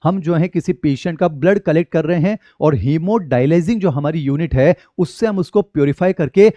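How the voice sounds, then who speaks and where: A man's voice: a little high, moderate pace, mellow, no echo. A man teaching biology in an exam-prep lecture with an Indian accent, often calling his students children and mixing Hindi with English terms.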